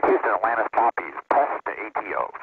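A man's voice: fairly low pitch, sing-song, a little fast. A man on the crew, heard over a crackly air-to-ground space radio, reading back instructions in clipped, terse callbacks. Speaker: astronaut crew member. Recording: tinny, noisy radio link heard from afar.

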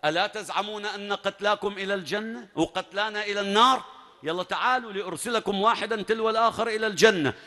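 A man's voice: high voice, quick pace, sharp tone. A male preacher voicing a boastful enemy warrior who taunts and threatens as he issues a challenge. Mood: taunting. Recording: long hall reverb.

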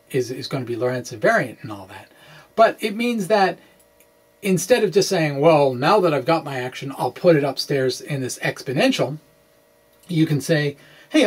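A quirky, animated man in his forties explains physics partly through dramatic reading and partly informally, dropping hesitant asides. His voice is a little high and slightly rough, and he's in a small room with bookshelves.

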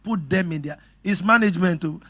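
A middle-aged man with a Nigerian English accent preaching a sermon on marriage. His voice sits a little high for a man. He is lively and laughs readily as he speaks directly to his congregation. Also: a little fast. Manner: animated, laughing, talks straight to the congregation. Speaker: pastor.

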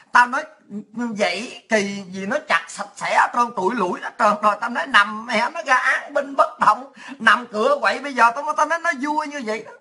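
A woman's voice: fairly high pitch, pushed and bright. A woman ranting in a coarse, mocking and sarcastic monologue as a political vlogger.

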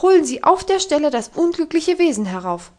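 A woman's voice: high voice, sing-song, brisk, mellow, voice pushed up. A woman voicing a strict, easily outraged housekeeper in an audiobook, scolding in indignant outbursts. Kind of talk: audiobook reading.

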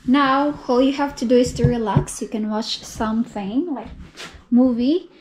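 A young Filipina vlogger, whose first language is Filipino, chats playfully and giggles in a casual home vlog shot in a small living room and bathroom. Her voice is fairly high and darkish, and she speaks unhurriedly. The handheld camera is held at arm's length, so the home audio comes out noisy.

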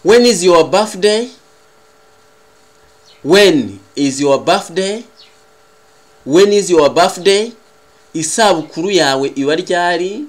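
Repeating phrases in a language lesson, a man pronounces everything deliberately and with care. His Rwandan accent reflects his native Kinyarwanda; his voice sits high, and he works as an English teacher.

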